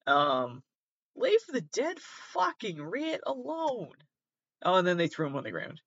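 A male host rambles through a casual reaction commentary, reading web articles aloud and tossing in sardonic, sweary asides and muttered self-talk. His high voice swings hugely in pitch at a measured pace, creaky and a bit bright. The sound is roomy, slightly dull and lo-fi.

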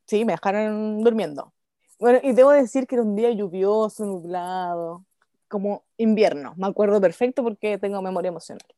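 A Chilean woman spins a funny childhood story for a casual podcast, slangy and animated, jumping between hushed asides and loud shouts through laughter. Her voice is close and dry, with no room sound around it. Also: mid-range voice, fairly quick, dry recording. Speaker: podcast co-host.

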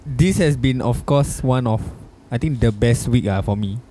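A man's voice: mid-range voice, moderate pace, warm tone, soft background music. A man with a Singaporean accent co-hosting a podcast, in casual banter about football. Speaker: podcast co-host.

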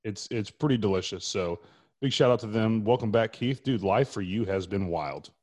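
A man's voice: lowish voice, moderate pace, darkish tone. An American man co-hosting a podcast in casual, chatty banter. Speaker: podcast co-host.

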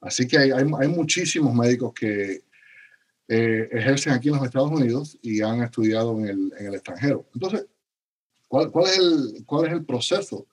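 A middle-aged man from Cuba, a podcast guest, talking in a halting way with many restarts. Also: medium pitch, expressive, slightly rough. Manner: halting, frequent restarts and stammers. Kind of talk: conversational interview.

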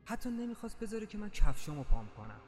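A man's voice: high voice, very animated, darkish tone, soft background music. A man narrating a first-person creepy story in a casual, slangy way.

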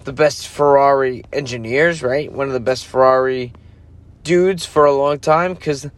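A man's voice: mid-range voice, fairly even intonation, measured pace. Sleepy rambling man ranting. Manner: rambling, loses focus, self-interrupting. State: sleepy, yawning. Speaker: podcast host. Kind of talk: casual rant.

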